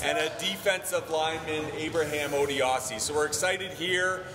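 Coach speaking in an echoey gym. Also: male voice, on the high side, steady tone, moderate pace, background noise. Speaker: head football coach. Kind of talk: casual remarks to camera. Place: large school gymnasium. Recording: echoey gym with crowd behind.

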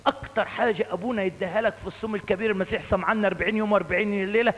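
A man's voice: high voice, fairly even intonation, racing, fairly bright tone, a little hiss or hum. A man voicing a kindly old Upper Egyptian village priest who coaxes a boy fatherly, with an Upper Egyptian accent. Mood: fatherly coaxing. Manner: fatherly, calls listener "my boy". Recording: reverberant church hall.

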